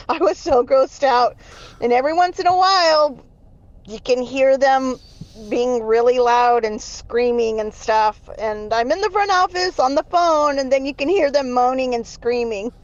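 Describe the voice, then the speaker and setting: Over a phone line, a woman leaves a voicemail telling a casual story, laughing between sentences. Her voice sits high and she speaks a little slowly.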